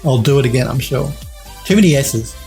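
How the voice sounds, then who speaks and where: Australian male streamer, 40s, casual rambling chat, mid pitch, soft music bed. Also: animated, a little fast, gravelly. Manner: rambling, chatty, many restarts and chuckles. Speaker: 3D modelling streamer. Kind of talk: casual live-stream chat reading viewer comments. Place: home studio at a desk.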